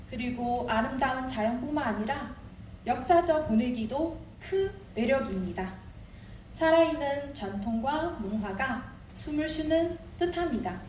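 High-voiced young woman with a Chinese accent. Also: a little mellow. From Inner Mongolia, China. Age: young adult. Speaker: international student giving a contest speech. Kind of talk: rehearsed speech contest presentation. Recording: roomy, distant mic, audible background noise.

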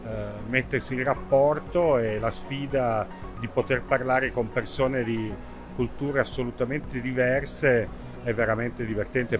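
Middle-aged man, thoughtful interview. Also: medium pitch. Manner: thoughtful, with pauses and fillers. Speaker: publisher at a book fair stand. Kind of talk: interview answers. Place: indoor exhibition hall.

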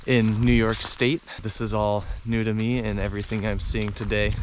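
A man's voice: fairly low pitch, flat delivery, normal speed, noisy background. A man narrating his hike outdoors on a rainy forest trail, casually explaining his route step by step. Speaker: hiking vlogger. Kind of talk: casual narration to camera while hiking.

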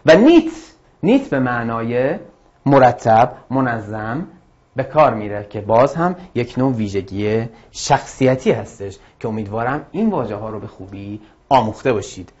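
A man's voice: mid-range voice, sing-song, a little mellow. A man teaching an English lesson to students, explaining patiently and addressing them directly. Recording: dull lo-fi audio.

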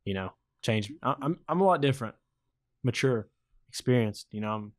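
A man in his twenties co-hosts a podcast, chatting casually and trading dry, joking arguments in a friendly debate. His medium-pitched voice is animated and moves at a moderate pace. He's recorded close up on a stand-mounted podcast mic, wearing headphones, in a small indoor room.

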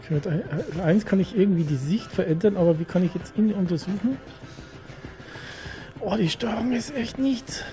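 A man's voice: sits high, normal speed, dark tone, soft background music. A man giving casual let's play commentary, muttering to himself as he plays.

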